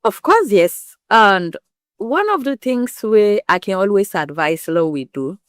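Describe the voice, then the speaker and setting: A woman's voice: mid-range voice, sing-song, a little slow, no room sound, clean studio sound. Frank West African woman speaking Pidgin English. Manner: frank, emphatic, explains with everyday comparisons. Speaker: interview guest explaining women's health. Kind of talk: explanatory interview talk.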